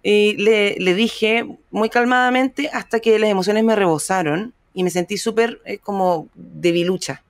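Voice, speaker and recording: A woman's voice: medium pitch, unhurried, hardly any pauses. A Chilean woman co-hosting a podcast in casual chat, outspoken and swearing freely, acting out what others say. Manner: outspoken, swears freely, acts out quoted lines. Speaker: podcast co-host.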